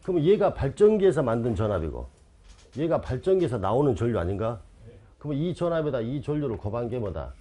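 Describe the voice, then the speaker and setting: Husky, animated male lecturer quizzing students. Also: mid-range voice, brisk. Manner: quizzing students with constant rhetorical questions; insistent, repeats key terms emphatically. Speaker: exam-prep lecturer. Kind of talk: online lecture.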